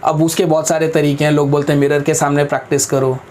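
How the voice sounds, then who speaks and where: Man, interview guest, firm and practical, slightly high voice, faint background hum. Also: little pitch movement, fast, a little mellow. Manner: firm, practical, mixes English into Hindi; addresses interviewer respectfully as sir. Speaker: guest speaker on careers. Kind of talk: explanatory interview talk.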